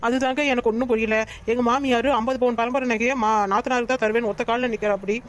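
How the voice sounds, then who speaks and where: A woman voicing a worried young daughter-in-law in a Tamil cartoon, pleading and complaining softly to a friend. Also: a little high, fairly even intonation, fast talker, a little hiss or hum, lightly acted. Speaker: storyteller addressing viewers.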